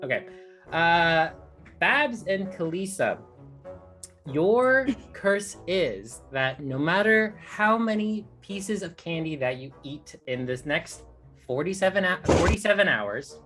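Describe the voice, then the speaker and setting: A woman's voice: fairly low pitch, expressive, slow, a bit bright, faint music behind. A woman running a tabletop game as dungeon master. She talks in a rambling, playful way with lots of fillers.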